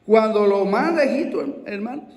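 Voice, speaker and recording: A man preaching a sermon, unhurried, repeating his phrases and calling out to his brothers in the congregation. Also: high voice, lively intonation, creaky, a little mellow, reverberant, big-room sound, rough recording.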